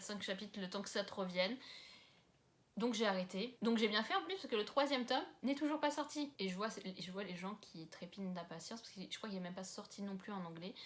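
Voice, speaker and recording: Casual book-vlog host, a young woman from France, middle pitch, chatty and self-mocking, lots of fillers. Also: fairly bright tone. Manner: chatty, self-deprecating, many fillers and asides. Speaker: book vlogger. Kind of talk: casual chat about books. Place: at home with books.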